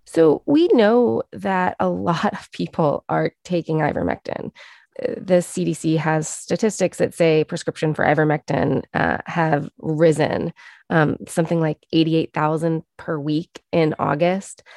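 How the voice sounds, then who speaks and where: A woman's voice: deep voice, fairly even intonation, measured pace, creaky, a little mellow, no room sound. A woman with an American accent, a journalist explaining things casually and conversationally as an interview guest.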